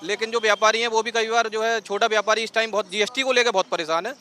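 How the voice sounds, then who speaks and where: Man interviewee, very high bright voice, earnest and rambling, outdoor traffic noise. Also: fairly even intonation, fast talker. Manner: earnest, rambling, many fillers. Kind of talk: street interview. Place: city street with traffic.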